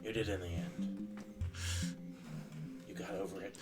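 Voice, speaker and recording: A man playing a tabletop game, speaking calmly and reassuringly to his party. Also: low-pitched, a little slow. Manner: calm, reassuring in character. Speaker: player. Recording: distant mic with clear music behind.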